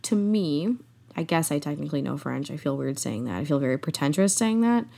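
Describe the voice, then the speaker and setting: A young American woman co-hosting a podcast, explaining things in a relaxed, self-deprecating way. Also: low voice, brisk, gravelly. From United States. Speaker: podcast co-host. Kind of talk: casual chat.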